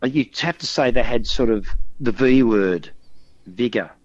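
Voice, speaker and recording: A man of middle pitch co-hosting a podcast. He talks casually and enthusiastically, tripping over repeated words. The sound is dry and close. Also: normal speed, dry recording, lo-fi sound. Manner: stammering, enthusiastic. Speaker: podcast co-host. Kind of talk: casual chat.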